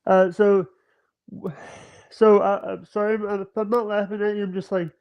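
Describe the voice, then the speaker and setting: Halting, stammering man in his thirties. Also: sits high, little pitch movement, smooth. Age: 30s. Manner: halting, stammering, many restarts. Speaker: livestream guest. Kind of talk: casual chat. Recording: dull lo-fi stream audio.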